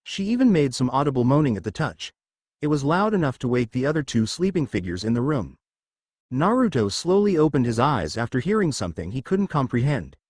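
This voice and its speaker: A man narrating a fan-fiction story in a steady storytelling read. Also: medium pitch, no room sound, studio quality.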